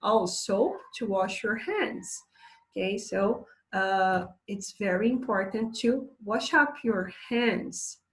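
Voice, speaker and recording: A woman teaching an English lesson in a casual, hesitant way, filling pauses and laughing now and then while she describes pictures. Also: mid-range voice, a bit bright. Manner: slow, hesitant, many fillers, laughs often.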